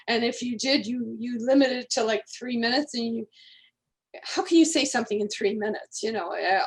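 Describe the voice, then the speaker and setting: A woman, a guest telling rambling stories in casual conversation. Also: on the high side. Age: 80s. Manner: chatty, rambling storyteller.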